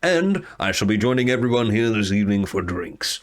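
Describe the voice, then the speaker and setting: A man's voice: fairly low pitch, big pitch swings, brisk. A man voicing a flamboyant, celebrated male adventurer who speaks in a grand, theatrical way. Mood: showboating.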